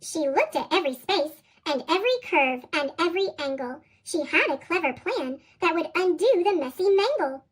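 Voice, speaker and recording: A storybook reader with a sped-up, high chipmunk-style pitch effect reads children's picture books aloud in a bouncy sing-song. The intonation is lively, the speed normal, and there are hardly any pauses.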